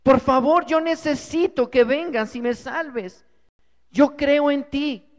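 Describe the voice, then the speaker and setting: A man's voice: high-pitched, big pitch swings, moderate pace, mellow, slightly rough, in a large hall, heavily acted. A man voicing a desperate, freezing male mountain climber who begs in a raised, strained voice. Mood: desperate pleading.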